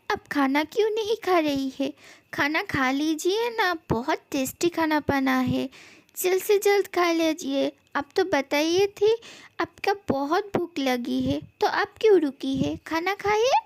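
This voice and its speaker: A woman's voice: sits high, animated, a little slow, no room sound. A woman reading a fan love story aloud, giving every character's lines in much the same voice.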